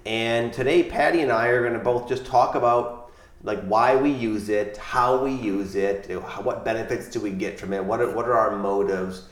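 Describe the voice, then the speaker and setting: A male podcast host, nasal from a cold, chatting casually with his wife in a relaxed, rambling way. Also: lowish voice, normal speed, echoey room.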